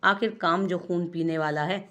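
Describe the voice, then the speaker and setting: A woman's voice: fairly low pitch, fairly even intonation, moderate pace, a bit bright, lightly acted. A woman doing a teasing young husband. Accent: Urdu. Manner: teasing, mock-innocent.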